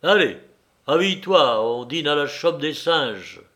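Guy doing a rough-talking grumpy factory guy from an audiobook, higher and louder than his own voice. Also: very animated, unhurried, exaggerated voice. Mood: cheerful. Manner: grumbling, rough-tongued. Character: gruff young male factory worker, sulky.

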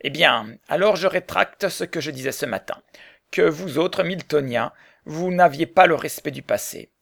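Man reading as a teasing old scholar, gravelly. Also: a little high, animated, moderate pace, fairly bright tone, pitched above the performer's own voice, exaggerated voice. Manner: bantering, ironic. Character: witty older male Oxford scholar, teasing.

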